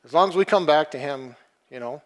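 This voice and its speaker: A man giving an informal sermon, halting and repeating words as he retells a story. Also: on the high side. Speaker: preacher. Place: church hall. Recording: long hall reverb.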